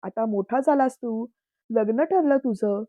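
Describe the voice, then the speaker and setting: A woman voicing a dignified uncle from a storybook, grave yet gently kind. The recording is dull and lo-fi, in a dry, close room. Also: very high voice, a little slow, no echo. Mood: kindly.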